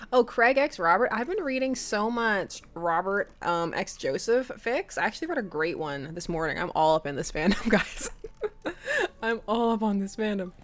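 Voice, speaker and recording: Bright and on the high side, this young woman's voice carries a casual let's-play of a dating game. She reads the game's text aloud, laughs a lot between lines and keeps up a chatty stream of questions for her viewers.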